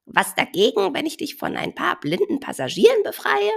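A woman's voice: high voice, wildly swooping pitch, moderate pace, creaky, voice pushed up, exaggerated voice. A woman voicing a cheeky, chattering male oxpecker bird who teases in clipped, chirpy phrases. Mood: teasing. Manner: teasing, chirpy, clipped speech.

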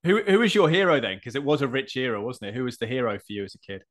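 A male interviewer talks quickly and asks long, winding questions, often restarting partway through. His pitch sits in the middle range.

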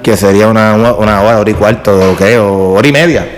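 A man's voice: lowish voice, quick pace. A man with a Puerto Rican accent hosting a podcast, asking questions and chiming in with sympathetic exclamations. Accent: Puerto Rican Spanish. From Puerto Rico. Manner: supportive interviewer, interjects, exclaims in sympathy. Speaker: podcast host. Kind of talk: casual interview.

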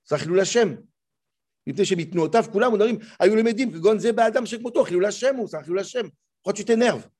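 Male Torah teacher, high and husky, animated and restless delivery. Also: quick pace. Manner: animated, often restarts and jumps in pitch. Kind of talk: Torah class explaining commentaries.

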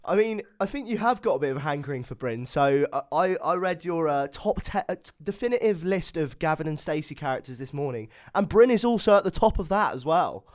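A man's voice: fairly high pitch, animated, a little fast, hardly any pauses. A man co-hosting a podcast, upbeat and jokey with casual slang. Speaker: podcast co-host.

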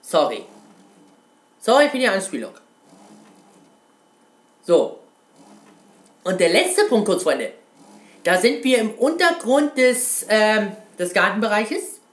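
A man's voice: high-pitched, big pitch swings, slow pace, long pauses, a bit bright. Rambling man in a roomy echo. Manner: rambling, keeps calling viewers "Kunstfreunde", swears casually. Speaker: gaming video host. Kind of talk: casual video reply on a video game.

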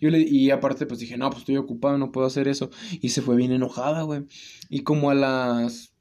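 A young man with a Mexican Spanish accent tells a story in casual conversation, speaking a little fast in a mid-range voice. He's slangy and animated and laughs often.

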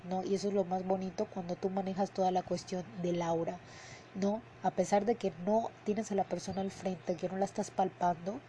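A woman hosts a podcast in a casual monologue, earnest and heartfelt, often ending her sentences with a questioning "no?". Her voice is mellow and warm, with a faint hiss of noise behind it. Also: medium pitch, little pitch movement, moderate pace, rough recording. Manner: earnest, heartfelt, repeats words for emphasis. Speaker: podcast host and emotional coach. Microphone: headphones and podcast mic.

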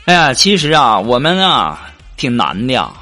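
A man hosting a comedy show, telling short funny stories in an animated way and acting out the voices of the people he quotes. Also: medium pitch, normal speed, loud music behind the voice. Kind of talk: scripted comic monologue.

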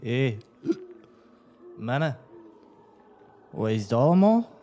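A man's voice: medium pitch, big pitch swings, slow pace, warm tone. A man voicing a puzzled, curious man who keeps asking questions.

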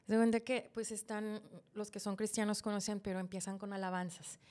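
A woman's voice: medium pitch, fairly quick. A woman, a podcast guest, telling an emotional personal story and acting out past conversations. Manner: animated, laughs often, retells dialogue.

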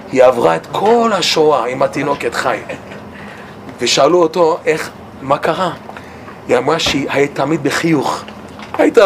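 Animated man teaching Torah, noisy recording. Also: on the high side, gravelly. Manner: animated, stammers and repeats words, laughs while telling stories.

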